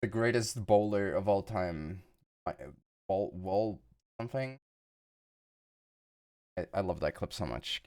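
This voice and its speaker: A man's voice: low-pitched, expressive, slow, pauses often, a little mellow, smooth. A man streaming live, chatting casually and playfully with viewers in a rambling way.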